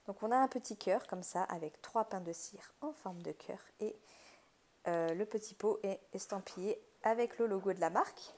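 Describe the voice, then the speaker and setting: A woman with a French accent talks casually through a craft unboxing, chatty and relaxed, with plenty of fillers and easy laughter. Her pitch sits at an ordinary middle height. A faint hiss runs under the recording. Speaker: craft video creator.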